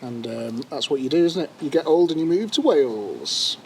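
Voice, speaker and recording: A man's voice: on the high side, expressive, normal speed, a little hiss or hum, poor audio. Rambling man hosting a podcast. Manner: rambling, hesitant with many fillers. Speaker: podcast host. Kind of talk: casual chat. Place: workshop, outdoors in the sun. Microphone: clip-on mic.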